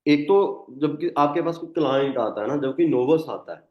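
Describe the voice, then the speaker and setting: A man giving a network marketing training, talking loudly and conversationally, often checking in with tag questions. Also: on the high side, moderate pace, roomy sound, highs cut off. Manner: speaking loudly. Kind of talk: motivational training talk. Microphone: phone or online call.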